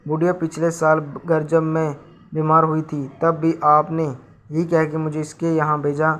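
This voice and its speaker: A man doing a sharp old village granny, scolding, bright flat tone. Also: on the high side, a little slow. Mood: complaining. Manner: scolding, complaining.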